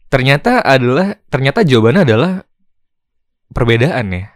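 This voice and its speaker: A man's voice: mid-range voice, expressive, fairly quick, studio quality. A young man with a Jakarta accent hosting a casual podcast, talking in Jakarta slang and echoing what he hears. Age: young adult. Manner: Jakarta slang, echoes the other speaker's words. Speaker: podcast host.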